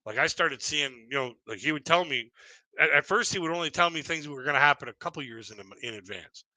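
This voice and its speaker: A man's voice: on the high side, lively intonation, a little fast, pushed and bright, no echo. A man in his fifties doing casual stand-up comedy on a live stream, rambling and chuckling at his own jokes. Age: 50s.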